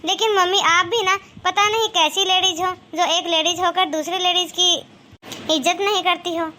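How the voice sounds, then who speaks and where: Woman as outspoken cartoon daughter: high, bright, frank, persuasive. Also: fairly even intonation, normal speed, slight background noise. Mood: persuading. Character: outspoken young daughter, fair-minded and frank. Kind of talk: cartoon moral-story dialogue.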